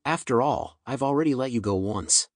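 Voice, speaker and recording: A man reading a calm young rich hero with a playful, teasing manner. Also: mid-range voice, moderate pace, no room sound, clean studio sound. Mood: mocking.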